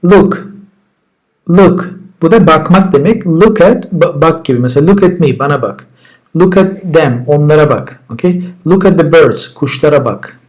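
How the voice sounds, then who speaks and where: Male teacher, slightly higher voice, repeats each word and then explains it calmly. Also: moderate pace. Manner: relaxed explaining, with repeated words and translations. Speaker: English teacher. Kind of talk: vocabulary lesson.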